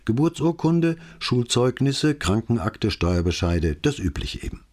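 A man voicing a brisk, capable woman secretary with a matter-of-fact manner. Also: mid-range voice, big pitch swings, darkish tone, pitched above the performer's own voice.

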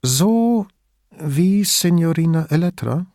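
A man's voice: fairly high pitch, lively intonation, slow pace, dark tone, dry recording, clean studio sound, voice pushed up. A man voicing a young, eager and deferential male police officer who speaks politely and modestly. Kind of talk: audiobook character voice.

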